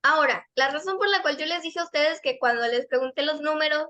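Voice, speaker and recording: Woman teacher, high and bright, patient and methodical, models each word over and over for young students. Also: fairly quick. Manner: patient, explains step by step and repeats model words. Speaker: English teacher. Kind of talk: pronunciation lesson for kids and teens.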